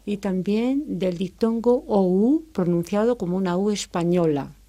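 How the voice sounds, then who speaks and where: A woman teaching French, explaining sounds and grammar with a clear, careful delivery and French examples. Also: mid-range voice, a little slow, dark tone.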